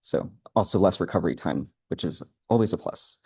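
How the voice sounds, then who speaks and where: A student man presents live in front of an audience. His voice sits very low and has a mellow, dark color. He moves through his material hesitantly, in a halting way. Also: creaky, breathy edge.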